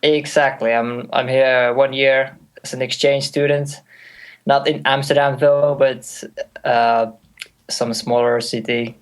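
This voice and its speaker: Young Finnish man, halting on a call. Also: medium pitch, level tone, clean tone. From Finland. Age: 20s. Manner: hesitant, many fillers and restarts, light laughs. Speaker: guest music producer. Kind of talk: casual interview on a call. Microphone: call audio.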